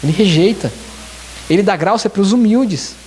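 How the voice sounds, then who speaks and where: A man's voice: high-pitched, moderate pace, darkish tone, slight background noise. A man, a church elder, preaching a sermon and pleading earnestly with the congregation, often repeating key phrases. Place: church service in Japan.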